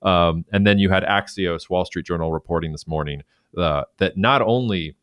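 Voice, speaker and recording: A man with a low voice speaks at a normal pace in a smooth, dry recording. He co-hosts a podcast and chats loosely about current affairs, talkative and full of fillers and restarts, growing animated whenever he quotes someone.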